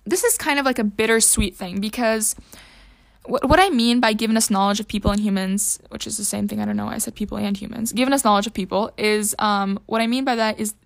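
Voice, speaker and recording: A woman's voice: mid-range voice, fast talker, creaky. Young woman just chatting on her podcast, lots of um and you know, keeps restarting. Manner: rambling, many fillers and self-corrections. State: hiccups. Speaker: podcast host. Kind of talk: casual solo podcast talk.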